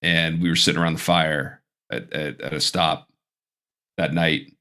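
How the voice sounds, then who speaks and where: A man co-hosting a casual podcast, rambling with restarts as he pitches a comedy idea. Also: fairly even intonation, measured pace, bright, forceful tone. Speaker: podcast co-host. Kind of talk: casual chat.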